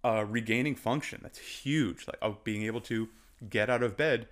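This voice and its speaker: A man's voice: on the low side, moderate pace, a bit bright. A man who works as a fitness coach, giving an impassioned motivational talk and repeating points for emphasis. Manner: passionate, emphatic, repeats for stress; moves about while talking.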